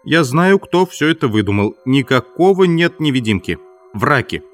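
A man reads a nervous, shifty tramp in a storybook tale. The voice swings from a low, secretive mutter to high, flustered squeals of denial, with faint music behind. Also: sing-song, moderate pace, close to an everyday voice. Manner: jumps between a hushed mutter and high flustered protests.

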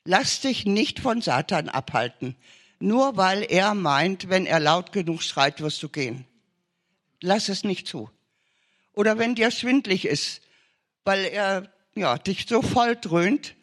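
A man's voice: high-pitched, lively intonation, slow, fairly bright tone. A man preaching an urgent sermon testimony, pressing listeners with emphatic, repeated short commands.

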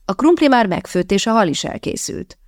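A woman voicing a proud, quick-tongued young maid in an audiobook, answering in a pert, indignant way. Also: medium pitch, very animated, no room sound, studio quality, pitched above the performer's own voice, lightly acted.

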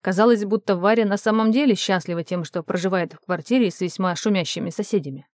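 A woman reading an audiobook with steady, measured narration at a middle pitch. The recording is dry and close, with no room around her voice. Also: no echo.

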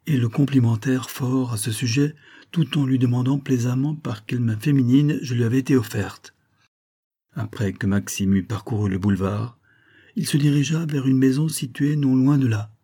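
A man reading a classic short story aloud as an audiobook, in a measured storytelling manner. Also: mid-range voice, dark tone. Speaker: audiobook reader. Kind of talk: scripted literary narration.

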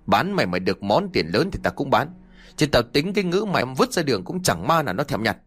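A man's voice: mid-range voice, big pitch swings, fast, a bit bright, husky. A man voicing a stern old village father who barks threats and orders at his son. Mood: domineering. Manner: barking, hissing threats.

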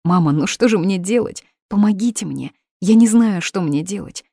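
A woman's voice: medium pitch, animated, normal speed, vocal fry, warm tone, husky, no room sound, voice pushed up. A woman reading the part of an eighteen-year-old daughter, pleading and emotional, in a dry, close recording. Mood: distressed.

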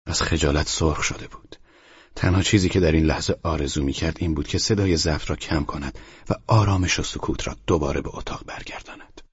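Very deep, husky male narrator. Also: no echo. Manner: quiet, measured, at times near a whisper. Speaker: audiobook narrator. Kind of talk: scripted narration. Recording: dry, dull lo-fi studio recording.

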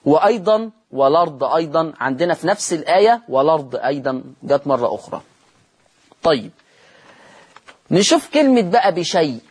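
Husky Egyptian man teaching Quran recitation. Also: fairly high pitch, very animated. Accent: Egyptian Arabic. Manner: asks questions and answers them himself, stretching example words slowly. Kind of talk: televised tajweed lesson.

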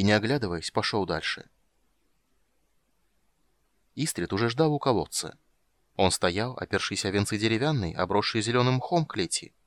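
A man with a fairly low voice reads fantasy narration for an audiobook. His delivery is steady and measured. The recording is dry and close, with no room sound. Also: no room sound.

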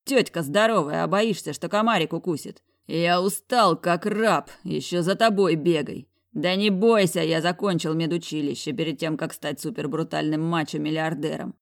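A woman's voice: low voice, normal speed, few pauses. Woman voicing a brash, mocking boss man. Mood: bossy teasing. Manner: teasing, bossy, coarse. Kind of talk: audiobook character voicing.

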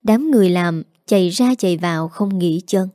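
A woman narrating a storybook in a steady, even way. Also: fairly low pitch, moderate pace, dry recording, clean studio sound.

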